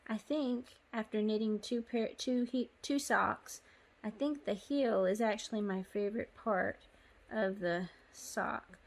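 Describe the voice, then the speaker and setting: A woman's voice: mid-range voice, fairly even intonation, unhurried, gravelly. Chatty woman teaching sock knitting. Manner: chatty and apologetic, with frequent ums. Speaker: knitting tutorial host. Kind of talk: casual step-by-step knitting tutorial. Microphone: phone.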